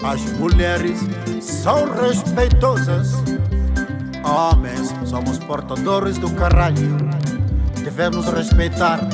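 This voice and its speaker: A man's voice: on the high side, animated, slow. Bawdy comic man, mock-preachy delivery, heavy afrobeat backing. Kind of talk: comic sketch with song. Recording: loud afrobeat music behind.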